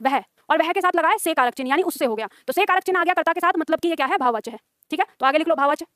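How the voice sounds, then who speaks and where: High-voiced, fast-talking woman teacher. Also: fairly bright tone, no echo, studio quality. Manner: brisk, coaxing, repeats "ठीक है" and quizzes students. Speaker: Hindi grammar teacher. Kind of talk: online class lecture.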